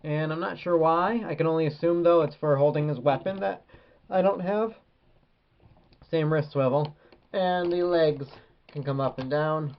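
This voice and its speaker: Man reviewing a toy, rambling, hesitant, fairly high voice, dull lo-fi sound. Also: moderate pace. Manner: rambling, hesitant, many ums. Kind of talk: casual video review.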